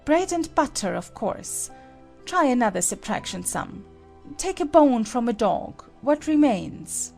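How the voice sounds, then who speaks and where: A stern queen voiced by a woman with a fairly high, swooping voice. She snaps and lectures with haughty impatience. It is dramatized storybook acting over faint music. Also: very animated, unhurried, vocal fry, heavily acted. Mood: imperious. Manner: sharp, imperious, lecturing.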